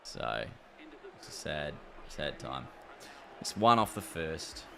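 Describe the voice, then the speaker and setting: Low-voiced man streaming a game. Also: very animated, slow. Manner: chatty, reacts aloud to the game and answers chat. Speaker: gaming streamer. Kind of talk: casual livestream chat while playing. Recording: clear background noise.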